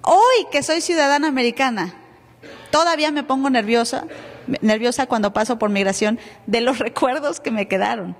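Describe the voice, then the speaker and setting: A woman's voice: fairly high pitch, normal speed. Mexican woman preacher in echoing church. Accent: Mexican Spanish. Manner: animated storytelling, acting out dialogue. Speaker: pastor. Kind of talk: sermon testimony. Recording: reverberant church live stream.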